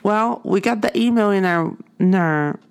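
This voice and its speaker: An artist and art teacher, this native Portuguese speaker with a Portuguese accent tells a personal story in a sincere, heartfelt motivational talk. Her mid-range voice is unhurried and clean in tone.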